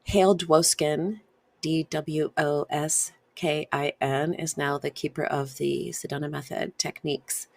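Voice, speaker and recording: A woman hosting a wellness podcast, gently guiding listeners through emotional release steps, laughing and sighing often. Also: deep voice, steady tone, measured pace, creaky, no room sound. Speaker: podcast host and wellness coach. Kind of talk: solo podcast teaching.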